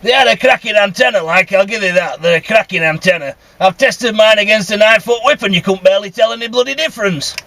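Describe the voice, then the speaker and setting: Hardly pausing, a CB radio vlogger with a Northern English accent rattles through a casual, blunt monologue from inside a vehicle as he drives, full of grumbling and swearing. His high-pitched voice is quick, bright and forceful, with no room sound.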